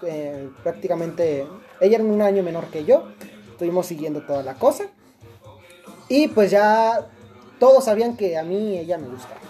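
A man's voice: high voice, dark tone. A young man with a Mexican accent telling a long personal story in a casual chat, slangy and rambling, with many restarts.

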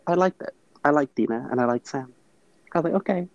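A man speaking quickly in casual conversation, reacting to a film. The sound is dry and a little dull, with no room echo. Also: mid-range voice. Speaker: podcast co-host. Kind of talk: casual chat.

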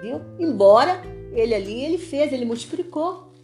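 A woman's voice: sits high, expressive, normal speed, roomy sound, music in the background. A woman leading a prayer and Bible study, earnest and repeating her phrases, often checking in with her listeners.

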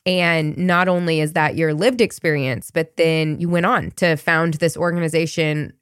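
A woman podcast host with a low-pitched voice asks long, curious questions, thinking aloud as she goes. The recording is dry and close to the mic. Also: fairly even intonation, moderate pace, clean tone, no room sound. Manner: curious, thoughtful, rambling questions. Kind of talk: interview conversation.

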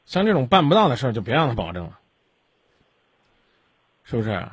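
A man's voice: medium pitch, big pitch swings, fairly quick, slightly rough, no room sound, clean studio sound. A man hosting a radio call-in advice show, talking bluntly with scolding sarcasm.

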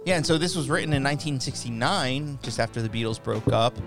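A man's voice: medium pitch, fast talker. A man co-hosting a podcast, chatting casually in an easygoing, banter-filled way. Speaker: podcast co-host. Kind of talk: casual chat. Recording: music playing under the voice. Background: recorded music.

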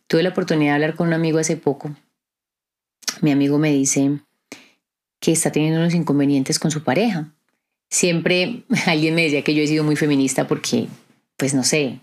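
A woman with a low, slightly mellow voice hosts a reflective podcast monologue. She speaks conversationally but turns preachy, putting rhetorical questions to her listeners.

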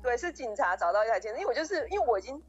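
A woman's voice: a little high, big pitch swings, very fast, dull audio, soft background music. A young woman co-hosting a podcast, eagerly retelling a story with many restarts and quoted dialogue. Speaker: podcast co-host. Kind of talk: casual storytelling chat.

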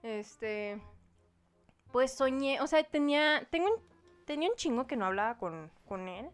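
A young woman with a Mexican Spanish accent tells a story in casual podcast chat. Her voice sits high, and she talks in an animated, slangy way. She acts out both sides of the dialogue. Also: a little slow, clean tone. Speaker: podcast co-host.

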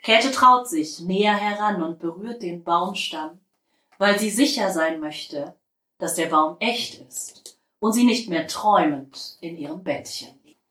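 A woman narrating a children's storybook in a soft, calm, expressive way. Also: on the low side, a little slow, echoey room, low-quality recording.

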